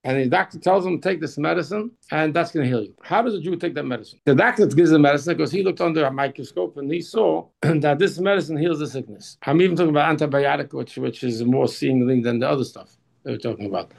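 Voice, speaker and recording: A man teaching a religious text class. He often repeats and restarts his words, and he reads passages slowly before translating them. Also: a little high, creaky, rough recording.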